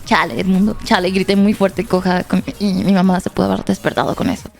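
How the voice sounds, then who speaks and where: A young woman giving casual gameplay commentary, laughing often, shouting at the game and reading pickup lines aloud. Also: mid-range voice, level tone, fairly quick, gravelly, music in the background. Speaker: streamer.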